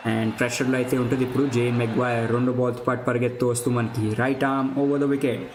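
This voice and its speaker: A man with an Indian accent giving excited live play-by-play cricket commentary, switching between Telugu and English phrases. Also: mid-range voice, quick pace. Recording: roomy echo, clear background noise.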